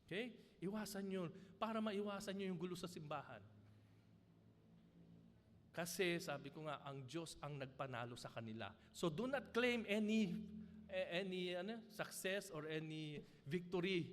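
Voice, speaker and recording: A man with a Filipino accent preaching a sermon, rising for emphasis and dropping soft and low for asides, with nervous stumbles and restarts. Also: animated, normal speed, a little hiss or hum. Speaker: pastor. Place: church hall. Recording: long church hall reverb.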